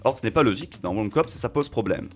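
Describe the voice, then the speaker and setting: Man, radio film critic, animated spoken review, mid pitch, faint music underneath. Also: fast. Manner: animated, reasoning aloud with fillers.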